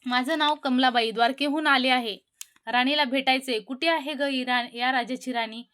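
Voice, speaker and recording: Woman doing a cranky old beggar lady telling someone off, high voice. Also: steady tone, normal speed, fairly bright tone, clean tone. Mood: pleading. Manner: scolding, bitter. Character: angry old beggar woman, a goddess in disguise.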